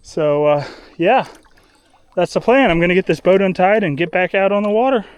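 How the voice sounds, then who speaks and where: A man's voice: high-pitched, moderate pace, clean tone, no room sound. A young man talking casually about his river trip outdoors, easygoing and upbeat, with lots of fillers and restarts. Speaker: solo river traveler vlogging his trip. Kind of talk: casual travel vlog narration.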